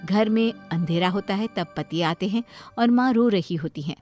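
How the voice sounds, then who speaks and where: A woman's voice: medium pitch, normal speed, a little mellow, soft background music. A woman narrating a moral story for a cartoon in a plain storytelling manner.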